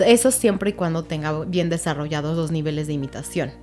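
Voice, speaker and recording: Woman speech therapist, patient explainer, keeps asking ok?, low voice, soft music behind. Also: fairly quick. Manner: patient, explains with examples and checks in with "¿ok?". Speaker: child language therapist. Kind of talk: explanatory interview talk.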